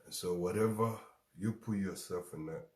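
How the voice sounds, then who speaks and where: A man's voice: low-pitched, normal speed, darkish tone, reverberant. A man with a Ghanaian accent hosting a show, giving a motivational talk and repeating lines for emphasis. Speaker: show host.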